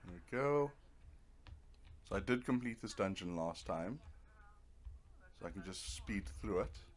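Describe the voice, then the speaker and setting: A man streaming a video game offers rambling, casual let's play commentary, half to himself and sprinkled with playful little words. His low voice has lively intonation and a slightly slow pace. Netflix plays on a nearby TV, clearly audible behind him.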